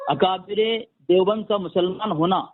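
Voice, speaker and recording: A man on a phone call firmly laying out numbered conditions for a religious debate. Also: sits high. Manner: insistent, lists numbered conditions formally. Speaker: debater setting terms. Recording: tinny phone line.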